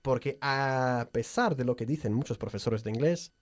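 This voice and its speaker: A man's voice: medium pitch, moderate pace, dry recording. A man hosting an upbeat bilingual radio English lesson, who laughs often and drills pronunciation in a studio. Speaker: English teacher and host.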